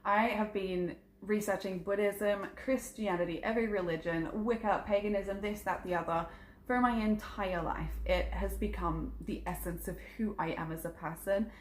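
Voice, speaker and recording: In a chatty, sincere vlog, a psychic content creator about thirty years old introduces herself and tells stories about family and spirituality, often saying um. She speaks at a moderate pace with medium pitch, over slight background noise, in an echoey room with faint ambience.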